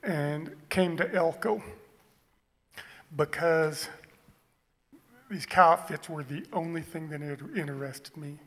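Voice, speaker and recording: In a reverberant hall, a middle-aged man tells stories at a cowboy poetry gathering. His voice sits a little high, and he talks in a halting, plainspoken, folksy way. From Eastern Oregon, United States. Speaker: cowboy poet introducing his poem. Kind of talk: cowboy poetry gathering stage talk, anecdotal storytelling. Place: stage in a hall.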